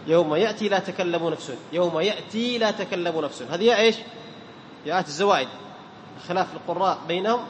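High-voiced man teaching recitation in a hall. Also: a little hiss or hum. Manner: quizzes students and repeats key terms, chants the verse examples slowly. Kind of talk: classroom lesson on Quran recitation rules.

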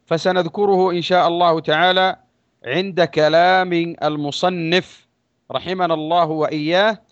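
A man with a high voice delivers a religious lesson, weighing each phrase and pausing often. The recording is dry and slightly dull, with no room echo. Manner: measured, deliberate, drawn-out phrasing with pauses. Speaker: Islamic scholar teaching a text.

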